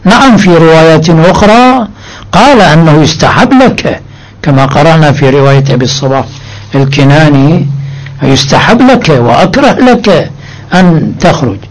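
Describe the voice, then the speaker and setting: A religious scholar gives a seminary lecture on jurisprudence, explaining point by point and reading his sources aloud. His voice is a little high with big pitch swings, at normal speed, on a rough recording.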